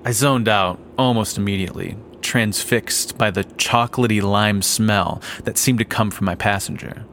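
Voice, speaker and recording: A man narrating a first-person story in a slow, deliberate way. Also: lowish voice, fairly bright tone, a little hiss or hum.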